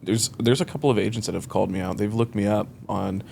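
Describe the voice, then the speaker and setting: A fast-talking man with a fairly low, gravelly, dark-ish voice, he is a mortgage loan officer in his early thirties sharing his career path as an interview guest. He rambles, dramatizes quoted conversations, and laughs a lot, with slight background noise.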